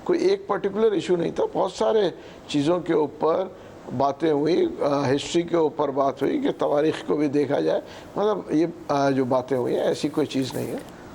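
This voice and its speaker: An older man in his sixties with a Pakistani Urdu accent answers in halting, restarting sentences and often clears his throat. His voice is dark and sits fairly high, with a faint low rumble behind it. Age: 60s. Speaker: politician guest. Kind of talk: hesitant interview answers.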